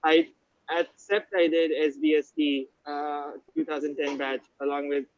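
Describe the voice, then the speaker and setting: A man's voice: on the high side, flat delivery, measured pace, no echo. A man introducing himself on a group video call while riding a bus, speaking through a mask. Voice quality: muffled by a mask. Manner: talking on the move aboard a bus. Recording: dull, dry video-call audio.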